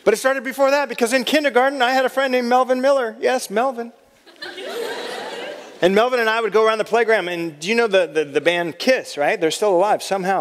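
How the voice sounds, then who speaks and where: Speaking to college students in a chapel, a thirtysomething man with a voice that sits high keeps his talk conversational and pokes fun at himself. The recording carries a long hall reverb and a little hiss or hum.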